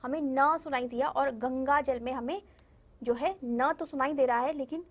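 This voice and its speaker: A woman with a high voice teaches a recorded lesson to small children. She speaks patiently and sounds words out slowly, repeating them. She keeps asking the class questions and answering them herself. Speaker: primary school Hindi teacher.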